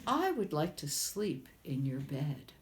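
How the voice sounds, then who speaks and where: A pushy, bargaining frog, put on by a woman telling a children's story. He wheedles and insists, stretching his words slowly. His voice swoops up and down. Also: sits low, very animated, a little hiss or hum, heavily acted. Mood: coaxing.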